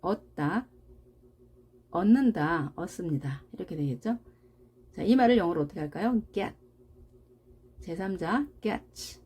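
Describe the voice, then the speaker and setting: Female language teacher; mellow, slightly breathy tone, deliberate unhurried delivery with repeated example words. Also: fairly low pitch, expressive. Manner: explains patiently with rhetorical questions. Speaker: English teacher. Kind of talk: grammar lesson.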